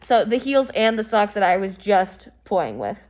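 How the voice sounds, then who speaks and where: A woman's voice: medium pitch, very animated, normal speed, darkish tone. A young woman casually planning a skit, rambling with lots of fillers and frequent swearing.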